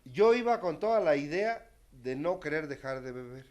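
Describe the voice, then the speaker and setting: Man, testimonial talk, higher-pitched, frank and wry, big swings in volume. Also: animated, moderate pace. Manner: candid, self-mocking, dramatic swings in loudness. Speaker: speaker sharing his recovery story.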